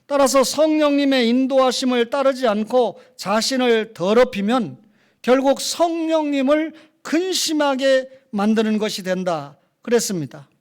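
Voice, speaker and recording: A man's voice: extremely high pitch, expressive, measured pace. A male pastor giving a sermon in a conversational preaching manner, often asking the congregation questions. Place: church sanctuary.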